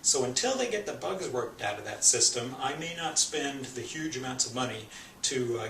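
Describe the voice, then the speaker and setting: A man's voice: medium pitch, a bit bright, a little hiss or hum. A male photography instructor giving an informal, conversational gear review, explaining as he goes and a little out of breath. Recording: echoey room, mic at a distance.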